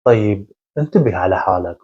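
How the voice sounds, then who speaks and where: A man voicing a worried older mother who softly pleads with her son. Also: lowish voice, expressive, fairly quick, breathy edge, highs cut off, voice pushed down. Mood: worried, pleading.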